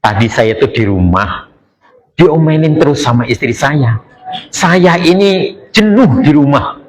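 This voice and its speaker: A weary, henpecked husband pleads humbly for advice, as a male preacher voices him in a sermon. The voice stays plaintive and a little lower than the preacher's usual talk. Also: lively intonation, measured pace.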